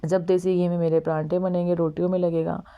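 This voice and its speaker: A woman's voice: lowish voice, flat delivery, brisk, smooth, highs cut off. A young woman, a mother, narrating her morning at home in a chatty, exclaiming vlog style, talking straight to her viewers. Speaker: vlogger and mother. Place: at home, moving between rooms and outside.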